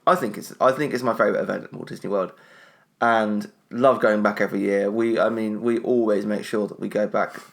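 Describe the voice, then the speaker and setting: A man's voice: lowish voice, fairly even intonation, fairly quick, creaky. A man co-hosting a podcast from his lounge, chatting casually and laughing often. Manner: chatty, laughs often, jokey put-on posh voice at times. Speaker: podcast co-host. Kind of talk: casual chat. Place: home lounge.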